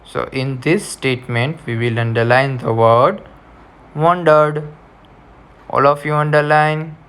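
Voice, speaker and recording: A male teacher with a mid-range, slightly bright, clean voice gives a slow reading lesson at normal speed, dictating words to underline and repeating each instruction.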